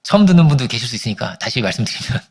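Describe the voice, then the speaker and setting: A man preaching a Sunday sermon as pastor, telling stories with animated voices for the people in them. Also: racing, breathy edge. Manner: animated storytelling, acting out family quarrels in high voices.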